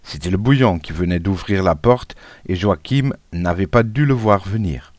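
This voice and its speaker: Male storybook narrator, playful and lively, lowish, dry recording. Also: moderate pace, dry recording. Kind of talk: storybook reading.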